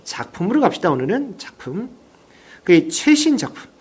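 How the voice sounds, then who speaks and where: A teacher giving a recorded vocabulary lesson, reading example sentences slowly and having listeners repeat each word. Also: medium pitch, sing-song, husky. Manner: reads example sentences slowly, then drills words for repetition; explains in plain, chatty teacher talk.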